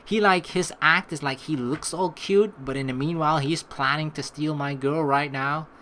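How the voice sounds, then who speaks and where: This let's play features a woman whose voice sits low and a bit bright, speaking at a normal speed as she rambles chattily, reads the game aloud and jokes around. Game music plays underneath, and there's a slight hiss or hum.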